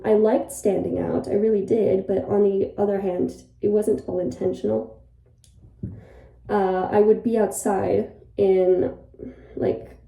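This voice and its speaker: Filming her vlog in the bathroom beside the tub, a young woman from Ireland, Polish being her first language, muses aloud in a soft-spoken, rambling, reflective way. Her voice is mid-range and creaky, and the echoey room plus distance from the mic shape the sound.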